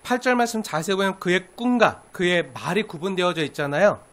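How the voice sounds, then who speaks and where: A man preaching a sermon as pastor, explaining a scripture passage in a lively way and acting out little quoted lines with chuckles. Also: sits high, brisk. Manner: animated, acts out quoted lines with laughter.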